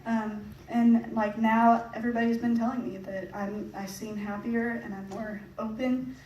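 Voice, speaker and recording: The young woman's voice is a little high and a little mellow, with little pitch movement and a normal pace, and the sound is lo-fi. She gives a casual, chatty church hall talk about her mission trip, laughing often and using fillers, recorded from a distance in an echoey space with faint noise.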